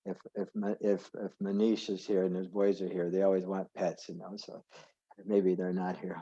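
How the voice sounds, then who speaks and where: Low, mellow man teaching scripture on a video call. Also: little pitch movement, moderate pace, husky. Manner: rambling, self-correcting, digressive. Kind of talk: informal scripture class. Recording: dull lo-fi video call audio.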